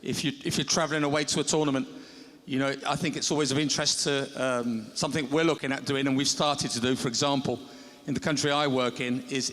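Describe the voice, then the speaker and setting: A man with a Chilean accent giving an informal, explanatory workshop summary as a conference speaker, pausing often. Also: mid-range voice, fairly bright tone. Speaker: conference speaker, national federation football coach. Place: large conference hall stage. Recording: long hall reverb from stage PA.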